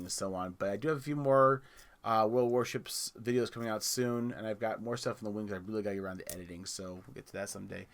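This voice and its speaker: Bright-voiced male podcast host. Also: lowish voice. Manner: rambling, restarts words, plugs the community. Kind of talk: casual podcast chat.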